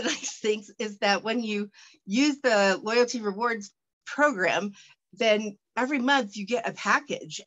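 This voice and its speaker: A woman giving a casual product unboxing, talking in a chatty, rambling way with many fillers and restarts, sometimes reading product copy aloud haltingly. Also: medium pitch, a bit bright, highs cut off. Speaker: product reviewer.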